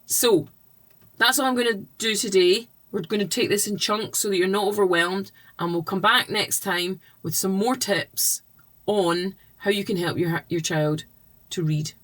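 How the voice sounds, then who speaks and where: A woman reading tutor giving patient, explanatory tips to parents in an unhurried instructional vlog. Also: medium pitch, steady tone, a bit bright.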